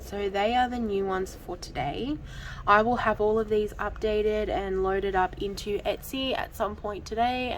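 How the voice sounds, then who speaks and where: A woman's voice: medium pitch, slight background noise, poor audio. A woman, hosting a casual budgeting vlog in a chatty, giggly way with frequent ums. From Australia. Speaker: budgeting channel host.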